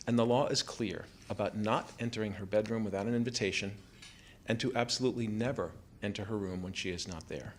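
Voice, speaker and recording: Before a live audience in a small theater, an American writer in his fifties reads his own first-person story in a measured way, giving voice to quoted family dialogue. His pitch is medium, and room noise and ambience come through in the live recording.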